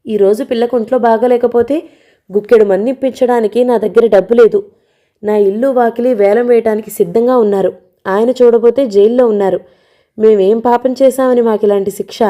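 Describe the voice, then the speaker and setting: A woman's voice: medium pitch, moderate pace, dark tone, natural voice. A woman voicing a bitter, grieving middle-aged mother who hurls accusing tirades. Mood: bitter scolding.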